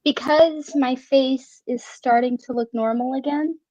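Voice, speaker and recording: A middle-aged woman with a somewhat high voice talks casually in an online chat. Her speech is a little slurred and whistles on the S's, and she forms words with care. The audio is close and dry but slightly dull. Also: steady tone, measured pace, warm tone, no echo. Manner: careful articulation while relearning to talk.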